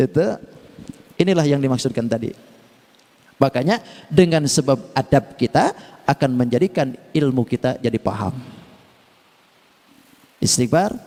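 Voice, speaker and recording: A man with an Indonesian accent preaching a dawn sermon in a mosque, telling a story with lively swings between low asides and raised exclamations. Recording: long hall reverb.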